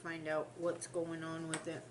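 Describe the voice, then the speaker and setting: A woman's voice: low-pitched, monotone, unhurried, slight background noise. A woman chatting casually to the camera while eating, exclaiming and complaining in a chatty way. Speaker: mukbang vlogger.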